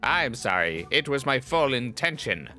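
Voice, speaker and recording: A man's voice: medium pitch, very animated, a little slow, pushed and bright, soft background music, heavily acted. A man voicing a haughty, insulting male toy lord in a game, sneering and theatrical with a goblin-like voice. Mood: mocking.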